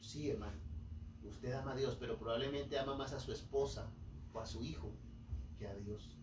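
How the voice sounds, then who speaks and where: A man's voice: medium pitch, normal speed, background noise. A man preaching a sermon as pastor, rising emphatically and acting out quotes. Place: church hall. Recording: echoey room, voice from far off.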